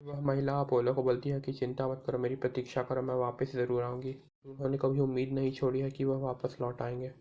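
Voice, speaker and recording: A man's voice: medium pitch, completely flat delivery, brisk, hardly any pauses, warm tone, muffled recording. A man narrating an episode recap, retelling each scene and reading all the characters' lines himself.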